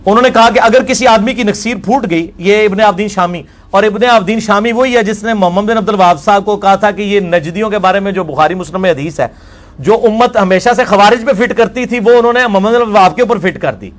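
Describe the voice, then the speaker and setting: A man delivering a religious lecture, reading out quoted passages slowly and commenting forcefully. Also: high-pitched. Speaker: religious scholar.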